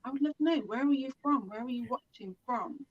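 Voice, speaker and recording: A woman's voice: high voice, a little fast, highs cut off. A woman from the UK hosting a live web show over a video call, enthusiastic and talking straight to the viewers. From United Kingdom. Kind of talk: upbeat show introduction and interviewing.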